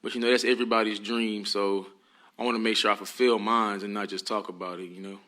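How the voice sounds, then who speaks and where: A teenage high school football player answers interview questions in a polite, earnest way. His voice is fairly low but strikingly bright. He speaks in a calm, measured manner. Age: teens.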